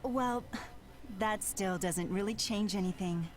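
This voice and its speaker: Calm, unhurried young heroine played by a woman. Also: mid-range voice, close to an everyday voice. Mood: calm, trusting. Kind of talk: scripted video game acting.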